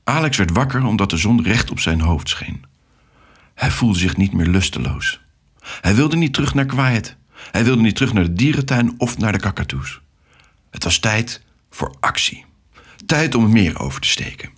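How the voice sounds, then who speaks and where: Husky man reading a children's story. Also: lowish voice, normal speed. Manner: expressive, animated reading.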